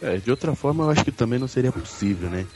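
A man's voice: mid-range voice, lively intonation, rapid-fire, dark tone, faint music behind. A man chatting casually as a podcaster, very close to a microphone that catches his breath. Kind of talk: casual chat. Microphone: held very close, breath blowing on it.

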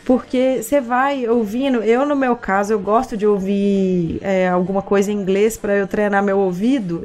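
A woman co-hosting a podcast, explaining things in a calm, measured way during a casual chat. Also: on the high side. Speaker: podcast co-host.

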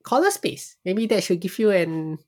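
A woman's voice: mid-range voice, big pitch swings, normal speed, darkish tone. A young adult woman from Singapore, telling her story openly and reflectively as a podcast guest. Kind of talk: podcast interview.

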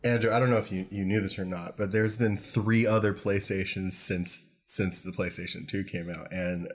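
A man's voice: sits low, fairly even intonation, moderate pace, slightly rough. A man co-hosting a podcast in casual chat, talking into a microphone and teasing his partner with dry humor. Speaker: podcast co-host. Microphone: studio podcast microphone.

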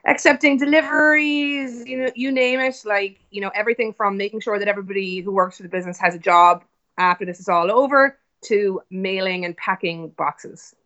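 A woman's voice: mid-range voice, fairly even intonation, fairly quick, fairly bright tone. A woman speaking casually and informally as an interview guest over a web call, explaining at length. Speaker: interview guest, whiskey business founder. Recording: dull web-call audio.

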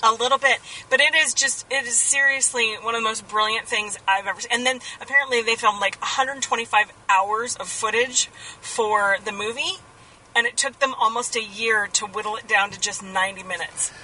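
An enthusiastic woman co-hosting a podcast in casual, chatty talk. Her voice is bright and a little high. She sits back from the mic, with faint noise behind her. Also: fairly even intonation, fairly quick, distant mic, low-quality recording. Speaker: podcast co-host. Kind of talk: casual chat.

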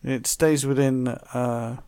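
A man's voice: mid-range voice, steady tone, warm tone, clear, resonant tone, no room sound. Podcast co-host guy, medium voice, dry sound, lots of ums while he thinks. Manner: thoughtful, hesitant, many ums and pauses. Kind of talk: casual film discussion.

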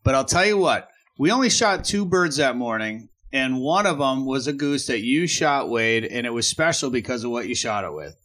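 Middle-aged male host, mid-pitched, upbeat, steers the chat. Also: expressive, normal speed, a bit bright. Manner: upbeat, leads the conversation. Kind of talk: casual chat.

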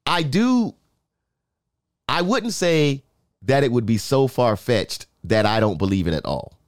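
Animated man with lively pitch. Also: a little slow, no echo, clean studio sound. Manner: animated, emphatic, asks "right?" often. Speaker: sports show co-host. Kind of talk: casual sports talk. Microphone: in-ear monitor, studio.

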